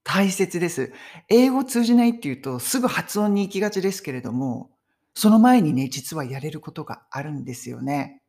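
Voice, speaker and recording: Lively woman teaching English conversation. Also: sits low, fairly quick. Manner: lively, emphatic, friendly teaching tone. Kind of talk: casual video lesson. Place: home in London.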